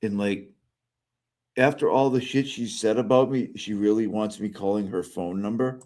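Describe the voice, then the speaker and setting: A man with a fairly low, mellow voice hosts a casual live stream. He rambles, swears freely and fills his talk with "um" and "you know". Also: normal speed. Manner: rambling, profane, many fillers. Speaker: streamer host reacting to a live audio room.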